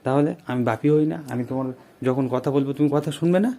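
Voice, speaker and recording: A man playing a father in a family vlog, coaxing and gently lecturing his daughter. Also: mid-range voice, quick pace. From Bengal. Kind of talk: scripted family drama vlog.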